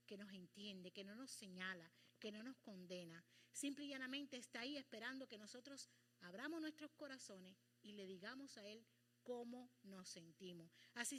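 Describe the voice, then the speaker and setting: A middle-aged woman pastor teaches from the pulpit in an animated way. Her voice sits high and sounds bright and forceful. She acts out prayers and small scenes to make her point. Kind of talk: Bible study sermon.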